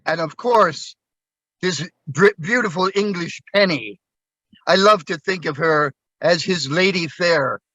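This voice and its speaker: A man's voice: measured pace, pushed and bright, no room sound, low-quality recording. A man performing a magic trick, telling a playful, theatrical story as he works. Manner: playful, theatrical, bursts into high whoops. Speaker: magician performing at an open mic show. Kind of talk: storytelling patter during a coin trick.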